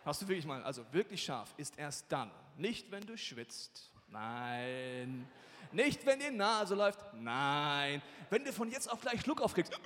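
Animated high-voiced preacher in a hall. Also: male voice, measured pace. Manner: animated storytelling, acting out scenes and shouting. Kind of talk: humorous sermon with personal story.

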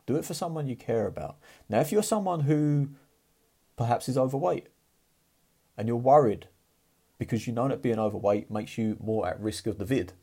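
A man's voice: medium pitch, animated, normal speed, mellow, husky. A man giving a blunt, profane motivational talk in a casual, fired-up way. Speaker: motivational vlogger.

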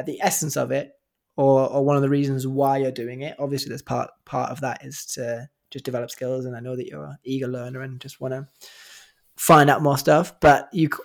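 A man with a gravelly, fry-tinged voice hosts a casual podcast interview. He asks long, meandering questions, stopping and restarting with ums and repeated words. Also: medium pitch. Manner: rambling questions with fillers and restarts. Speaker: podcast host.

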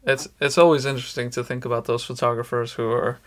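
A man's voice: mid-range voice, flat delivery, quick pace. A man hosting an interview in casual chat, rambling with lots of "like" and "you know", often laughing. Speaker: podcast host.

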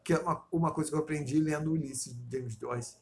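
A Brazilian man co-hosting a loose podcast chat. His voice sits a bit high, and he rambles and swears freely as he drifts from story to tangent. A faint room ambience hangs behind him. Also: steady tone, quick pace, a little hiss or hum. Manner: rambling, swears freely, digresses into poetic meter. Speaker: podcast co-host. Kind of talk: casual chat.

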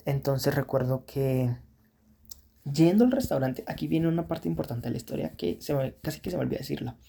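A man's voice: medium pitch, a little fast, vocal fry, warm tone, a little hiss or hum. A man telling his own story in a candid, rambling, self-critical way. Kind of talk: casual first-person storytelling.

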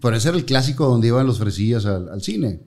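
A middle-aged male host, speaking at an ordinary pitch. He keeps the chat going with quick questions and brief interjections, over a faint noise in the background. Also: animated, a little mellow. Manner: chatty, prompts with short interjections.

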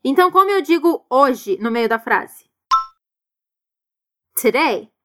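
A woman's voice: high-pitched, big pitch swings, fairly bright tone, clear, resonant tone. A Brazilian woman teaching English to Portuguese speakers, explaining grammar and having the listener repeat phrases after her. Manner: slow, deliberate modeling of English phrases. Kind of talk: language lesson with repeat-after-me drills.

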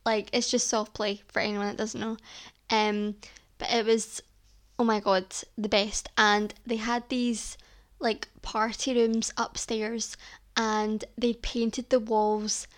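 A woman's voice: a little high, level tone, slow. A Scottish woman in her twenties hosting a solo podcast, chatting casually in a rambling way with lots of "like" and "um". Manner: chatty, rambling, heavy use of "like" and "um". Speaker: podcast host.

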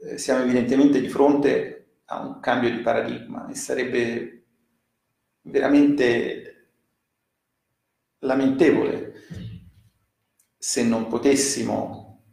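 A man with a gravelly edge reads verse slowly and then reflects in a measured, deliberate way. He talks at an unhurried pace. His voice echoes strongly around a very roomy space. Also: mid-range voice, fairly even intonation, a little mellow. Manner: measured and deliberate, with hesitant fillers when talking freely. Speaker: speaker reciting poetry and commenting. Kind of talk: slow poetry recitation and reflective commentary. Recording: very echoey room.

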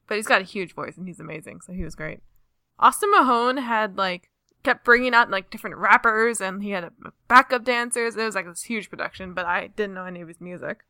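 A woman's voice: mid-range voice, a little fast, bright, forceful tone, no room sound. Young female co-host, gushing casual storyteller, dry close mic. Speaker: podcast co-host. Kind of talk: casual chat.

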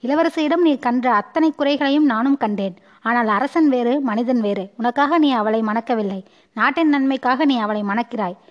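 A woman's voice: fairly high pitch, moderate pace, big-room sound, close to an everyday voice. Stern aging king advising his son, lo-fi audiobook; woman narrator voices him. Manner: stern, lecturing.

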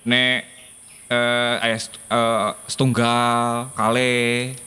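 A man's voice: mid-range voice, monotone, extremely slow, pushed and bright, smooth, long reverb tail. A man in casual chat, patiently explaining what words mean and how they are said. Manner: patient, explains word meanings. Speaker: guest explaining Javanese words.

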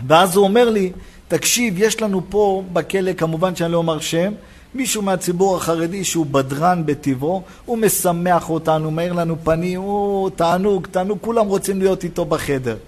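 Man, high-pitched voice, rabbi's sermon, animated storytelling, synagogue talk. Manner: animated storytelling, acts out dialogue.

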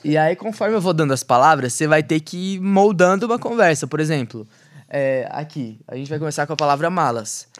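A man's voice: a little high, animated, fairly quick. A man hosting a podcast, friendly as he explains a game step by step. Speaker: podcast host.

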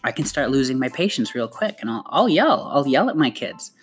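Very low-voiced woman giving earnest advice. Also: very animated, fairly quick, husky, soft background music. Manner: earnest, repetitive, restarts often. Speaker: mother giving self-help advice. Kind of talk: casual motivational talk.

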